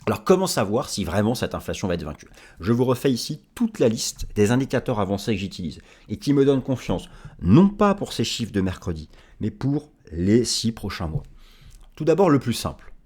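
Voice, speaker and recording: Male analyst, lively pitch, slightly husky, walking viewers through charts. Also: brisk. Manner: animated, explanatory, addresses viewers directly. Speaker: market analyst. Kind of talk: market commentary to camera.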